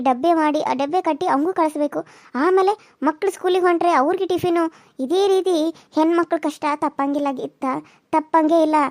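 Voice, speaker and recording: A woman's voice: high-pitched, a little mellow, dry recording, clean studio sound, close to an everyday voice. A woman voicing a caring older village woman in a cartoon serial, who consoles and lectures firmly.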